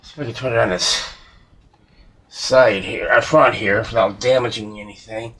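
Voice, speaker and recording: A man speaking at a moderate pace, with a voice on the low side, fairly even intonation and a bit of brightness, mutters to himself while working as a hobbyist repairer. His commentary is casual, rambling thinking aloud. The indoor workshop recording clearly captures background noise and handling clicks.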